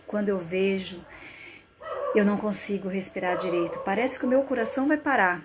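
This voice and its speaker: A woman voicing an anxious adult woman tormented by panic attacks, speaking in halting, pleading questions over noisy stream audio. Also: mid-range voice, natural voice.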